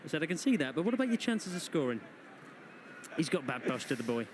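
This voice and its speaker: A man's voice: on the high side, very animated, fast talker. A man giving comedic live football commentary, joking and quipping with puns. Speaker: match commentator. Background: clear outdoor ambient noise.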